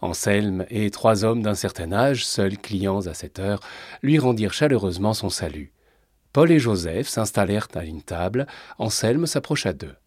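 Brief: a man reading a storybook aloud, steady, low and husky, dry close sound. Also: normal speed, dry recording. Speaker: narrator. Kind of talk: storybook narration.

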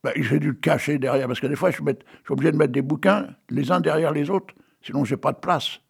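An older man with a husky voice, rambling chattily to his viewers and reading out an absurd tale he wrote, tagging his phrases with "hein". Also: fairly high pitch, quick pace. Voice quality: gravelly, husky voice. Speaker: amateur writer reading his own text. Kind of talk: rambling monologue with a read-aloud absurd tale.

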